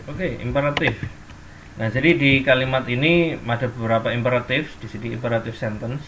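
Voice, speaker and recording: A man's voice: mid-range voice, fairly even intonation, brisk, background noise. A man teaching English in an online class, explaining step by step and reading example sentences and dictionary entries aloud.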